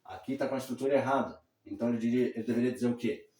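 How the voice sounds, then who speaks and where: Male English teacher, patient explainer, slow repeated examples, roomy distant recording. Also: mid-range voice, steady tone, dark tone. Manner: patient, repeats words slowly for pronunciation; checks in often with short tags. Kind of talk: explaining English pronunciation and grammar. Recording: echoey room, somewhat far from the mic.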